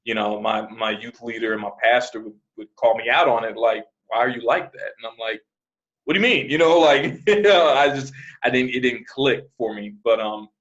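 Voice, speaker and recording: A man from New Jersey who grew up in Arizona, a podcast guest talking in a relaxed, rambling way with many "you know" fillers. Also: mid-range voice, moderate pace, dull audio. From born in New Jersey, raised in Arizona. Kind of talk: casual interview.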